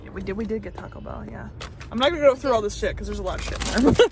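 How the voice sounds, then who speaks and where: A woman's voice: mid-range voice, lively intonation, rapid-fire. A woman vlogging in casual, chatty conversation. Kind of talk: casual vlog chat. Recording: very noisy handheld vlog audio.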